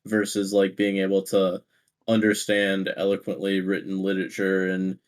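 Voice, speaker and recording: Podcast co-host, male, lower voice, loose rambling casual chat. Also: completely flat delivery, normal speed, smooth. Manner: rambling, restarts often, laughs easily.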